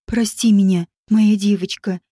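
A woman voicing a guilty, tender naga father who talks softly and pleadingly to his daughter. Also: on the high side, unhurried, no echo, studio quality. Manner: soft, pleading, coaxing.

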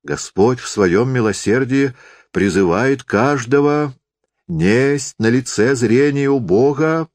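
A man's voice: medium pitch, slow, a little mellow, no echo, clean studio sound, voice pushed up, natural voice. A man reading a story voices a pious young woman novice who preaches in a thin little voice. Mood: earnest, preachy.

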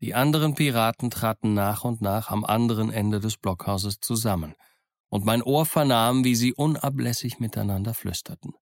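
A man reading an audiobook in measured storytelling narration. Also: on the low side, no echo, studio quality. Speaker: audiobook reader.

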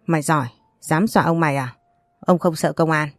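A woman's voice: sits low, steady tone, brisk, no echo, clean studio sound, soft background music, lightly acted. Woman reading as a menacing male loan-shark thug. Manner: threatening, coarse.

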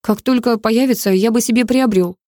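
A woman's voice: fairly high pitch, fairly quick, dark tone, no room sound, natural voice. Woman reading as a curt police commander. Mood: scornful. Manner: curt, dry jabs. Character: brusque male police commander, gruff.

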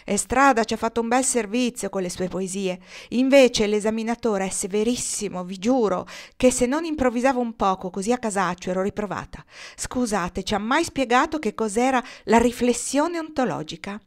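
A woman reading the part of an excitable, outspoken young female student in an audiobook, with a lively, exclamatory delivery. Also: a little high, normal speed, few pauses, close to an everyday voice. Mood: exclaiming.

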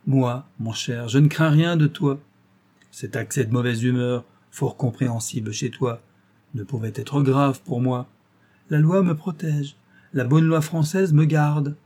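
A man's voice: medium pitch, steady tone, a little slow, warm tone, pitched above the performer's own voice, natural voice. A man voicing a gloating, cruel master criminal in an audiobook, taunting and menacing. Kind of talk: audiobook reading.

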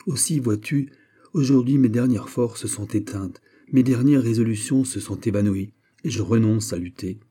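A man's voice: lowish voice, normal speed, warm tone, husky. A man voicing a lovesick young nobleman who speaks in a sighing, resigned way. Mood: despairing.

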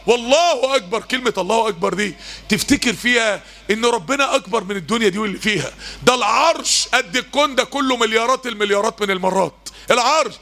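An Egyptian man gives a mosque lesson at a quick clip. His voice sits high and sounds bright and forceful, and he drives each point home with rhetorical questions and emphatic repetition. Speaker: preacher.

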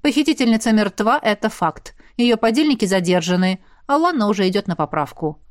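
A woman's voice: mid-range voice, lively intonation, dry recording, clean studio sound, natural voice. A woman reading an audiobook and voicing a reserved young investigator who speaks curtly and chooses his words carefully. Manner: curt, grumbling, measured. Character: reserved young man, gruff investigator older brother. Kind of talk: audiobook character voice.

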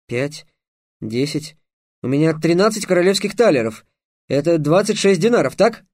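Бойкий подросток-маг, обидчивый и громкий, как его читает мужчина; голос приподнятый, очень подвижный по интонации, запись сухая и близкая. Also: male voice, fairly high pitch, lively intonation, no echo, voice pushed up, close to an everyday voice. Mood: upset. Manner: exclaiming, quick to take offence. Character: proud, indignant teenage boy apprentice mage.

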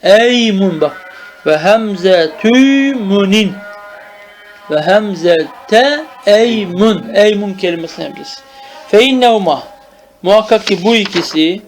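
High-voiced, slow-drilling grammar teacher. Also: male voice, expressive, soft background music. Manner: drills terms slowly, asks checking questions. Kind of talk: traditional madrasa-style grammar lesson.

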